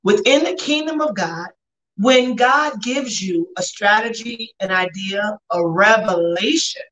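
A woman's voice: medium pitch, measured pace, fairly bright tone, poor audio. Casual, slangy woman co-host. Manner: informal, slangy, repeats phrases for emphasis. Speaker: co-host of a faith talk show. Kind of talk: casual conversational religious discussion.

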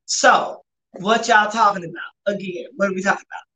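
A woman's voice: medium pitch, fairly even intonation, brisk, bright, forceful tone, poor audio. A woman co-hosting a faith talk show, speaking casually with slang and repeating phrases for emphasis. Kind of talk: casual conversational religious discussion.

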